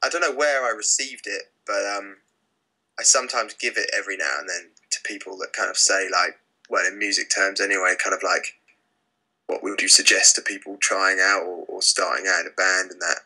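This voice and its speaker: Young British singer in a relaxed chat: lowish voice with a very bright edge, halting with plenty of fillers. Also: male voice, rough recording. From Britain. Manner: relaxed, hesitant, lots of fillers and restarts. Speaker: lead singer of a rock band. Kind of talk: casual interview.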